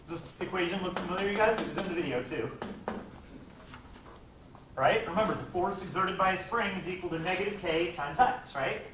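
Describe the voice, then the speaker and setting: A man's voice: high voice, a little fast. Man teaching physics in echoey classroom. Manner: checks in often with "right?" and "okay?". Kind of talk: classroom lecture. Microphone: camera at a distance. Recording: echoey classroom, distant mic, faint noise.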